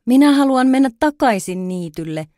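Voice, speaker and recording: A woman's voice: high-pitched, animated, warm tone, no echo, studio quality, pitched above the performer's own voice. Woman doing an eager, wondering little fawn. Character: small curious wide-eyed male fawn.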